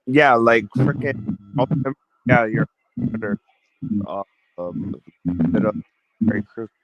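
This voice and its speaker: A man's voice: medium pitch, takes it slowly, no room sound, lo-fi sound. A man chatting casually on an online call, his mic clipping and distorting as he stops, restarts and repeats words. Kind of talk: casual chat. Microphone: own mic on an online call.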